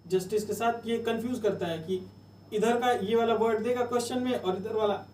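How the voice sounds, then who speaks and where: A man's voice: high-pitched, fairly quick, darkish tone, far from the mic, a little hiss or hum. Man drilling mnemonics in a roomy lecture. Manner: chatty, repetitive drilling of mnemonics. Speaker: teacher. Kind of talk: exam coaching lecture.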